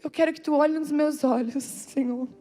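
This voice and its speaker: A woman's voice: sits high, fairly even intonation, normal speed. A woman preaching a heartfelt sermon at a church women's meeting, intense and pleading, stretching out her phrases. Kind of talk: emotional sermon. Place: church hall. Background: soft instrumental music.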